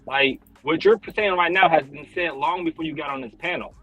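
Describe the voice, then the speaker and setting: A man arguing dismissively in a heated panel debate, with a husky, sharp voice and coarse language. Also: fairly high pitch, fairly quick, no echo, soft background music. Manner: argumentative, dismissive, profane.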